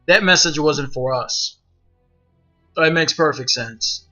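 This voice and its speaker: A man's voice: fairly high pitch, slow, bright, forceful tone, muffled recording, soft background music. A man leading an online gaming group, training new members over voice chat with blunt, profane, commanding instructions.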